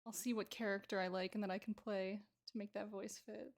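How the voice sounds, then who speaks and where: A woman's voice: mid-range voice, little pitch movement, a little fast. A woman art streamer chatting casually and playfully while she draws, joking and laughing with her viewers. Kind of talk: casual chat while drawing.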